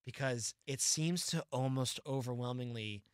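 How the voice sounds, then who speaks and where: A man in a casual sports podcast chat, talking with animated, opinionated energy. His pitch sits in an ordinary middle range. The sound is close and dry, with no room around it. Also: clear, resonant tone, dry recording. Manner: animated, opinionated, quick asides and mock quotes. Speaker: podcast co-host.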